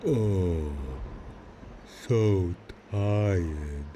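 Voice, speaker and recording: A man playing a big, slow-witted, weary labourer in a Western video game, sighing and grumbling simply. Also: sits low, background noise. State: tired. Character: big, dim, weary cart-hauling labourer. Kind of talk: video game character acting.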